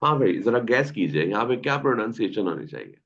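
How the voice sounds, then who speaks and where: A man's voice: lowish voice, big pitch swings, quick pace, a bit bright, slightly rough. A man teaching an online language class, patiently quizzing students and repeating words. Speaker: German teacher. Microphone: video call. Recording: dull lo-fi online class audio.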